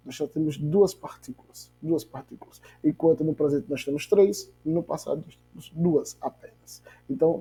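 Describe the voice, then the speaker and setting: An English teacher gives a grammar lesson, asking rhetorical questions and drilling example phrases slowly. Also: medium pitch, warm tone, low-quality recording.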